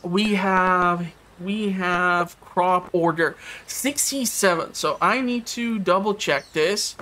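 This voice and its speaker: A woman casually commentates on her farming game in a let's-play, rambling, tripping over words and tossing in joking asides. Her voice sits on the low side with a fairly bright tone and a slow pace, over the game soundtrack.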